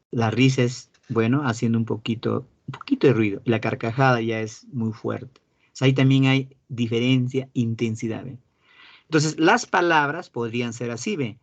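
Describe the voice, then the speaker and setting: Peruvian guy teaching class, repeats words slow, asks the students stuff, kinda muffled dry sound. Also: mid-range voice, dry recording. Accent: Peruvian Spanish. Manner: repeats key words slowly, quizzes the class. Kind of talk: classroom lesson.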